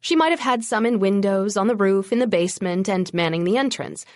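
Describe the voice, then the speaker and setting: A woman reads a first-person urban fantasy audiobook with a wry, brisk edge. Her voice sits at a middle pitch, and the recording is close and dry with no room sound. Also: dry recording. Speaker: audiobook narrator.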